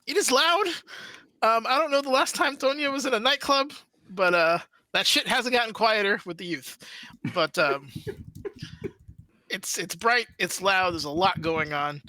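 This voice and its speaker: A woman's voice: mid-range voice, a little slow, bright, forceful tone, dry recording, low-quality recording. A woman narrating as game master in a casual, laughing way, swearing freely. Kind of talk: narrating a live-streamed tabletop game.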